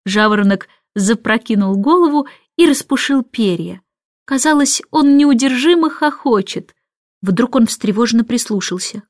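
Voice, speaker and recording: A woman narrating a children's book in an expressive storytelling manner. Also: on the high side, moderate pace, no echo, clean studio sound. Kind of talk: audiobook narration.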